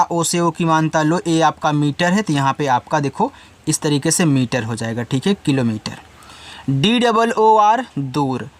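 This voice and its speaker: High-voiced man explaining a reading lesson. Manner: patient step-by-step explaining, casual asides to students. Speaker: English reading teacher.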